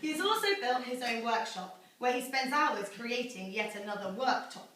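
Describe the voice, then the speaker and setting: A young British woman, reading her own rhyming celebratory poem as the daughter, addresses a gathering in an echoey room at a family celebration. Her voice is on the high side and expressive, at a moderate pace, with crowd noise around her; the mic is distant and there's faint noise.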